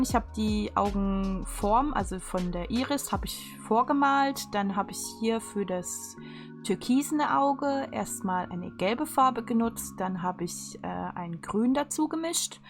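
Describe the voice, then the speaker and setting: Woman casually narrating over music. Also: mid-range voice. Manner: chatty, unscripted narration. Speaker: video creator. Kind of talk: casual craft tutorial voice-over. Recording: music behind the voice. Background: instrumental music.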